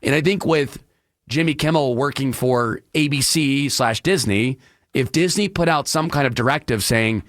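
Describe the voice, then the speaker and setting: A male radio talk show host with a hoarse, congested, frog-throated voice, projecting hard from the diaphragm in an emphatic, opinionated solo monologue from a radio studio. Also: moderate pace, a bit bright, dry recording. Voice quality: deeper than usual, frog-throated.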